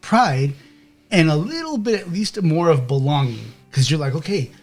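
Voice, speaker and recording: A male game master with a higher voice who narrates loosely and keeps checking in. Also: expressive, normal speed, soft background music. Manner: rambling, with many restarts and "okay?" checks.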